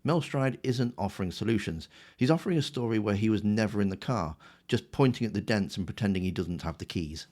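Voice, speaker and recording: Sarcastic, smug man with a lowish voice. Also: animated, brisk, a little mellow. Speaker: political commentator. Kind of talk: scripted rebuttal commentary.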